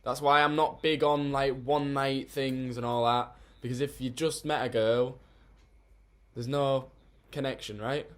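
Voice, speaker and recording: A man's voice: medium pitch, unhurried. A young man, co-hosting a podcast and telling a story in casual, teasing chat. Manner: chatty storyteller, excitable, teasing. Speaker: podcast co-host.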